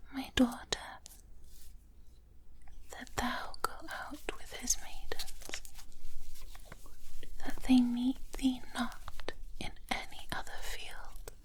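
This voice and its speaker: Female ASMR scripture reader: hushed breathy whisper doubled in layers, measured and slow. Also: a little high. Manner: slow, hushed, even delivery. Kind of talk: soft ASMR scripture reading.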